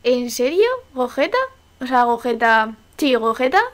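A woman from Spain with a Spanish accent, giving excitable, exclamatory Let's Play commentary and swearing casually. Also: a little high, a little slow. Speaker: gaming YouTuber.

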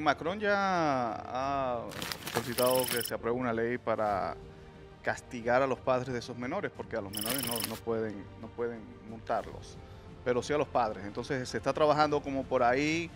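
A man from the Dominican Republic hosts a heated panel debate in a dark studio, speaking emphatically, gesturing a lot and interrupting to steer the talk. His mid-range voice moves at normal speed over music, picked up by a desk mic on a boom arm.

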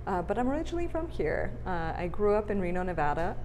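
A woman in her thirties talks through her sculptures in a reflective, unhurried way, pausing often to find her words. She is recorded in a large art gallery with a long, spacious reverb and a faint hum underneath. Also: medium pitch, very animated, a little mellow. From Bulgaria. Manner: thoughtful, reflective, with frequent fillers. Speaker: artist. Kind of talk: gallery interview.

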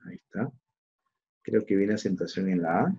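A man's voice: sits low, normal speed, dark tone, husky, dull audio. A man running a live online training for teachers, walking through each click aloud and often checking in with the attendees.

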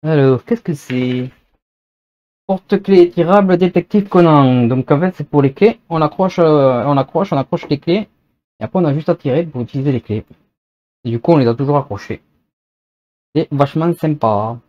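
A man hosting a casual unboxing video, chatting and thinking aloud as he goes, slowing down to read out product text. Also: a little high, muffled recording.

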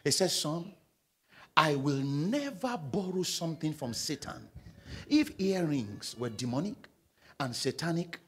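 Animated Nigerian pastor preaching to a congregation. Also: male voice, unhurried, slightly rough. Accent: Nigerian English. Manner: call-and-response preaching, prompting the congregation to read aloud; paces the stage, swings between loud emphasis and low asides. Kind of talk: sermon. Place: large church auditorium stage. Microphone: handheld mic.

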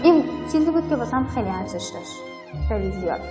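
A woman's voice: on the high side, very animated. A young woman from Afghanistan, a schoolteacher, talking earnestly and reflectively in a documentary interview. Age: young adult. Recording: roomy echo with violin music over it.

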